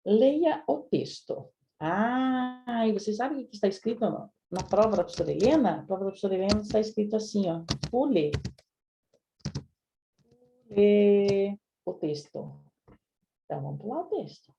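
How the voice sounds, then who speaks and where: A Portuguese teacher leads a live online grammar review, chatting with students, addressing them directly and checking in with frequent "né?". Her medium-pitched voice is gravelly and dark, with lively intonation and fast delivery over slight background noise.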